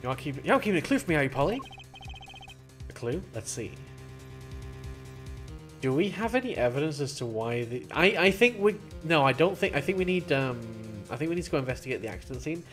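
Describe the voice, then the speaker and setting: A let's play gamer reading game dialogue aloud and commenting on the playthrough, playful and jumping into higher character voices. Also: very animated, a little fast, faint music behind.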